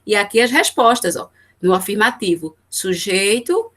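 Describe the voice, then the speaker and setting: A woman's voice: mid-range voice, big pitch swings, normal speed, a bit bright. A Brazilian woman teaching English in a recorded class, explaining rules step by step and answering her own questions with little check-in tags. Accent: Brazilian Portuguese. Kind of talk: recorded online class lecture.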